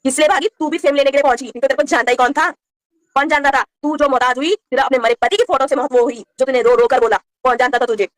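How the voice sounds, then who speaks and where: Fast, high-pitched woman ranting confrontationally. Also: steady tone, no echo. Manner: confrontational, rapid-fire, scolding. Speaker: vlogger. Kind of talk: heated vlog rant.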